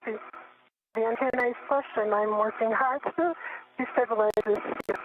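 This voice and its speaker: Woman astronaut on tinny radio, fairly high. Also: fairly even intonation, moderate pace. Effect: space-to-ground radio. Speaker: astronaut on a spacewalk. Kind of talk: short radio replies during technical work. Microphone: spacesuit headset. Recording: phone-thin radio, faint noise.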